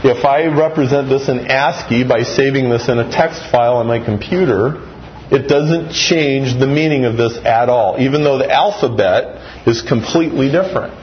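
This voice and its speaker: A man in his thirties giving a classroom lecture, animated and acting out example sentences with varied inflection. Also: mid-range voice, normal speed. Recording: dull, slightly muffled recording with faint room noise.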